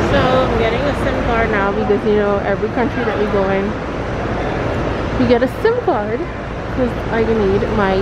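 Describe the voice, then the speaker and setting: A woman travel vlogger chatting casually to the camera. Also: a little high. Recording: noisy on-the-go travel audio.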